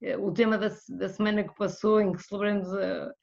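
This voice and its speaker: A woman with a European Portuguese accent, answering as a guest in an interview about economics in a measured way. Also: medium pitch, level tone, gravelly, a little mellow. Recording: slightly muffled lo-fi audio.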